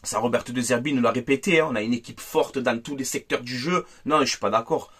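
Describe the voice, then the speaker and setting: A man hosting a casual football debrief, angry and animated, repeating himself and talking straight to his viewers. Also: medium pitch, fast, breathy edge. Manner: angry, animated and repetitive, addressing viewers directly. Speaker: football fan video host.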